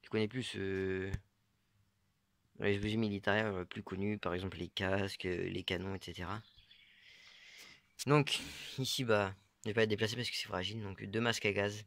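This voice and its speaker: A man's voice: on the low side, fairly even intonation, normal speed, pauses often, a bit bright, dry recording. A young man casually showing his metal-detecting finds, talking hesitantly with many fillers and unsure asides. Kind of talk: casual show-and-tell vlog.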